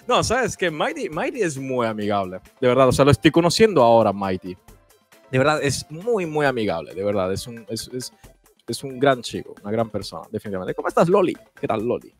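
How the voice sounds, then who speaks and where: With a medium-pitched, very animated voice, an Italian man chats fairly quickly as a guest co-host on a live stream. He laughs a lot and tends to stammer and repeat himself, while faint music plays underneath.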